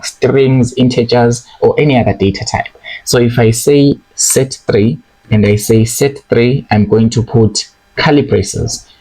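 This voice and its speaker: A man's voice: lowish voice, warm tone, slightly rough, rough recording. A young man teaching a programming lesson, explaining step by step and checking in with "okay?" and "right?". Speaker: programming tutor. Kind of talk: screen-recorded coding lesson.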